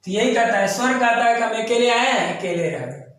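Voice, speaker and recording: A man's voice: very high voice, steady tone, a little fast, fairly bright tone. A man teaching an exam coaching lesson, repeating key terms and chanting them in lists. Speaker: grammar teacher. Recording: very echoey room.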